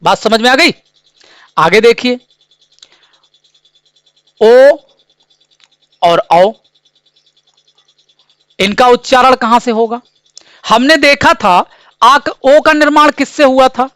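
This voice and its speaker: A man with a strikingly high, smooth, resonant voice teaches an exam-prep grammar class. He asks a question, then answers it himself, drilling the same terms again and again. The sound is dry and close to the mic. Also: measured pace, pushed and bright, no echo. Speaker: Hindi teacher.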